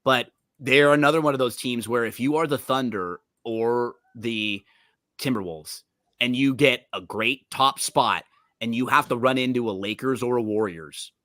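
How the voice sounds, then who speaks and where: A man hosting a podcast, chatting casually and quickly about basketball, often restarting his sentences. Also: mid-range voice, sharp tone, no echo, studio quality. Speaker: podcast host. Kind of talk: casual sports chat.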